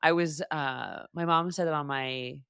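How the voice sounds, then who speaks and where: A woman's voice: low-pitched, measured pace, creaky, a bit bright, clear, resonant tone, no echo, studio quality. A woman co-hosting a podcast in casual conversation, playful and full of funny asides. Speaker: podcast co-host.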